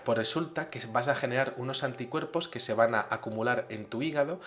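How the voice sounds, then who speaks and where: A man retelling a calm, friendly telepathic alien. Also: mid-range voice, fairly quick, close to an everyday voice. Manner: calm, reassuring explanations.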